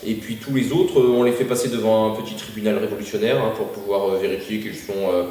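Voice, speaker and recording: A man's voice: lowish voice, steady tone, quick pace, dark tone, lightly acted. A man playing a flustered, stammering interviewer. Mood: earnest. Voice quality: hesitant, stammering, polite. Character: flustered male interviewer, earnest and hesitant. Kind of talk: parody web-series interview acting. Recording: echoey room, mic at a distance.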